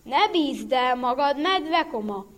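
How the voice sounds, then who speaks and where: A woman's voice: high voice, lively intonation. A woman voicing a sad, beaten male wolf who tells how he was thrashed. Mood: aggrieved. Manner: mournful, then telling his woes urgently. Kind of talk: storybook reading.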